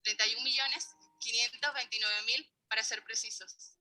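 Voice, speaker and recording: A Venezuelan woman magician tells her own story on stage in a slightly high, bright, pushed voice with fairly even intonation at normal speed, carefully stating exact figures. It's a played clip with music behind her, and the audio is poor.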